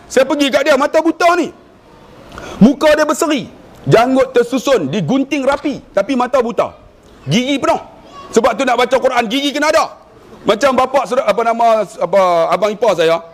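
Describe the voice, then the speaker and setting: A Malaysian preacher with a high, light voice for a man and a Malaysian Malay accent. He preaches in an animated storytelling way, slipping in jokes and chanting verses. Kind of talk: humorous sermon.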